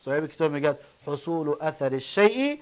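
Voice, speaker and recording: High-voiced Tajik man teaching grammar. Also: sing-song. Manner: repeats forms slowly, asks and answers own questions. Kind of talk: classroom lesson.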